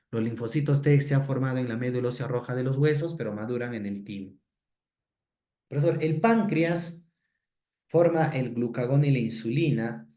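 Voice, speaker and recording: A man's voice: medium pitch, a little mellow. A male biology teacher gives an online class. He asks rhetorical questions and tags his sentences with "pues" and "¿no?". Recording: roomy echoey room.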